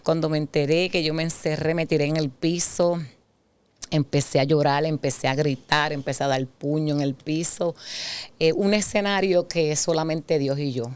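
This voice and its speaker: Low-voiced woman telling her story. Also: moderate pace, clear, resonant tone. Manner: animated storyteller who acts out past dialogue. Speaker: guest sharing her testimony. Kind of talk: emotional personal testimony in conversation.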